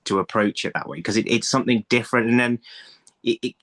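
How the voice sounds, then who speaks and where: On a video call from a small room at home, a middle-aged man who writes audio dramas is interviewed as a guest, his phone serving as the mic. He talks fast in a mid-range, slightly bright voice. His manner is casual, and he tends to rephrase mid-thought.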